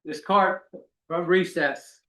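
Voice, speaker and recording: A woman acting as court crier, calling out a formal ceremonial proclamation loudly, like a town crier. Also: fairly low pitch, steady tone, roomy sound. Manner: town crier style, loud drawn-out calling out. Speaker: court crier opening the session.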